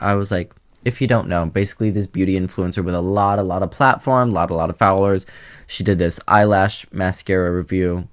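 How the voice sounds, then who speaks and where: A young man vlogging in a casual, rambling way, chatty and sassy as he jumps from topic to topic. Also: deep voice. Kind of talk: casual rambling vlog chat.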